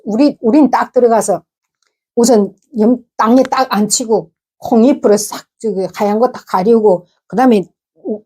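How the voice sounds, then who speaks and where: A woman with a North Korean accent recounts her own past in relaxed, conversational storytelling. She paints scenes with lots of sound words and quick imitations. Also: medium pitch. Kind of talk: casual personal storytelling.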